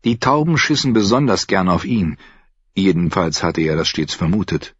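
Male narrator, husky, measured reading, dry close audio. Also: sits low, very animated, dry recording. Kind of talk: scripted narration. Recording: dull lo-fi dry recording.

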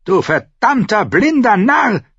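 A man voicing a furious, sharp-tongued dwarf lord who rants in a raised voice. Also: fairly high pitch, very animated, moderate pace, dry recording, highs cut off, voice pushed up. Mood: raging. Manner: raging shouted tirade.

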